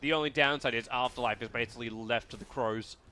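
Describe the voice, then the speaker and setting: A man doing live esports play-by-play commentary, excitable and rising to shouts at big plays. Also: mid-range voice, fast talker.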